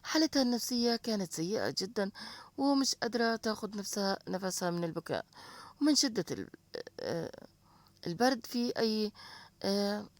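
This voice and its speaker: A woman storyteller with an Egyptian accent narrates at a fast clip and often pauses on fillers. The recording is dry and close, with no room sound. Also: medium pitch, expressive, dry recording. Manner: brisk, with filler hesitations.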